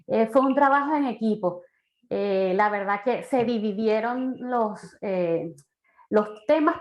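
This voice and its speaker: Woman, fairly high voice, earnest, effusive, panelist, video call. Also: rough recording. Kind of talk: online talk.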